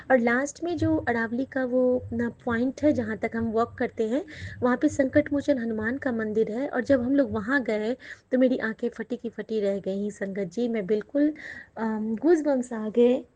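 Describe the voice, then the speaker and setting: A woman tells her devotional experiences in a chatty, intimate way, with a voice set a little high and frequent laughter. Grateful asides run through her telling. The recording is dull and lo-fi. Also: moderate pace, darkish tone. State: out of breath. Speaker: satsang storyteller. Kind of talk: devotional testimony to listeners.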